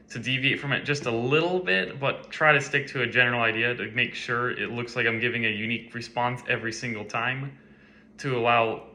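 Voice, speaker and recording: A man's voice: mid-range voice, pushed and bright. A young man and college student giving a casual, conversational class reflection talk, with some filler words.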